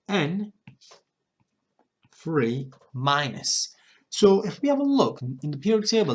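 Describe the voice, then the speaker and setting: A man with a slightly husky voice teaches chemistry, working through exam answers one step at a time. He talks in a methodical way and often stops to fix his own wording. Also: mid-range voice. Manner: methodical, self-correcting explanations. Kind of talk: exam question walkthrough.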